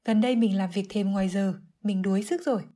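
A woman giving an English vocabulary lesson, explaining clearly and methodically, word by word. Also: medium pitch, fast, mellow. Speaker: English teacher.

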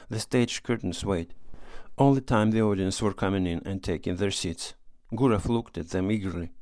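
A man narrating a classic story as an audiobook reader, in a steady, measured manner. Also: lowish voice, no room sound.

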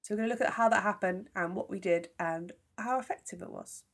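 A woman's voice: medium pitch, fast talker, gravelly. Chatty British-English woman with a cold. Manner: chatty, bubbly, says "like" often. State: has a cough and a cold. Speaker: podcast co-host. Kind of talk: casual chat.

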